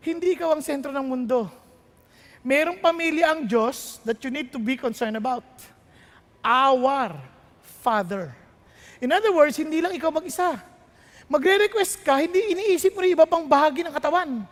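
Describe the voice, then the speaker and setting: A man preaches in a notably high voice, emphatic yet conversational, turning often to his listeners. His words ring out with a long reverb tail from a large church hall. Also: expressive, moderate pace, pauses often. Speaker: pastor. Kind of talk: sermon.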